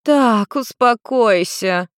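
A woman's voice: on the high side, very slow, dry recording, clean studio sound, voice pushed up. A woman voicing a middle-aged witch mother who is tipsy and teasing, drawling her words in a slurred, playful way.

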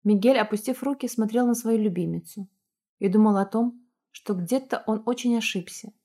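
A woman reading a romance novel aloud in a steady narrating voice. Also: fairly high pitch, normal speed. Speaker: audiobook narrator.

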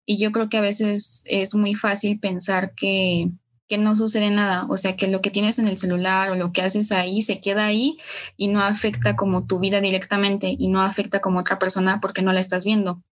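A young woman reflecting on her long-distance relationship in a measured way. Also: medium pitch, little pitch movement. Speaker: interviewee. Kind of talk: casual reflection.

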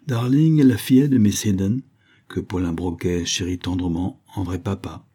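Low, husky male audiobook narrator. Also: moderate pace, warm tone.

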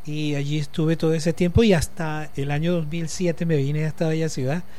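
A man in his fifties with a Caribbean Colombian accent and a slightly higher-than-usual pitch for a man. He talks in a relaxed radio interview, working through long, reflective explanations. He pauses often and leans on small fillers as he thinks. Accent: Colombian Caribbean coast. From Colombian Caribbean coast. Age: 50s. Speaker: guest, journalist and lecturer. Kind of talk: casual radio interview talk.

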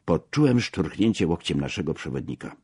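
A man narrating a story in measured, storytelling reading. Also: low-pitched, very animated, a little mellow, husky. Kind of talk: scripted audiobook narration.

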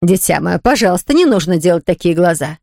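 A woman's voice: fairly low pitch, very animated, a little fast, gravelly, a little mellow, dry recording, studio quality, exaggerated voice. A woman voicing a strict, self-pitying elderly aunt who scolds firmly. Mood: stern. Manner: firm, scolding, categorical.

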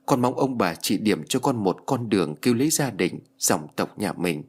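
A man's voice: lowish voice, animated, normal speed, slightly rough. A man voicing a grieving, stern old mother-in-law in an audiobook ghost story. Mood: lamenting. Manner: heavy, lamenting storybook dialogue.

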